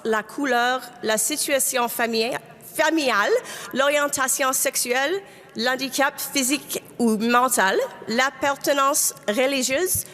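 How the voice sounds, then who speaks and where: A woman's voice: sits high, fairly bright tone. A woman with an English-speaking accent in French, co-chairing a convention and reading policy in English and French with small stumbles. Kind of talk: bilingual chairing and announcements. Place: large convention hall. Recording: long reverb of a large hall.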